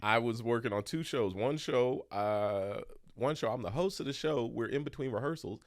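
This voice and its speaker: Guy hosting a podcast, blunt and animated, dry close sound. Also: medium pitch, moderate pace, dry recording. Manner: blunt, animated storytelling with laughs. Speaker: podcast host. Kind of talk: casual chat.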